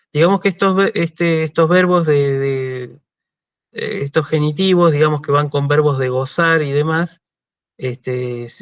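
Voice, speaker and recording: This online university lecture comes from an Argentine man whose voice sits a bit high, captured in a dry, lo-fi recording. He walks students through the material patiently, repeatedly asking "¿sí?" and using "este" as a filler.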